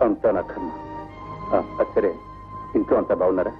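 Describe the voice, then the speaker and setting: An actor voices a downcast elder brother, talking low and resigned. He speaks quickly. The old film sound is thin and phone-like, with music behind. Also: fairly even intonation, close to an everyday voice.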